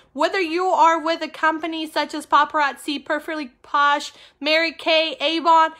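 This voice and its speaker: Talking informally to livestream viewers, this Peruvian network marketing coach and host sounds bright and high. She hammers home key phrases by repeating them, keeping her delivery emphatic and upbeat, all in a Peruvian accent.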